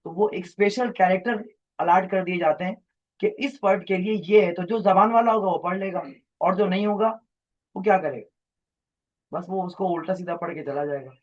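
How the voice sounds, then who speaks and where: A man's voice: high-pitched, normal speed, lo-fi sound. A man teaching a class, lecturing in a rambling, explanatory way and quizzing his students.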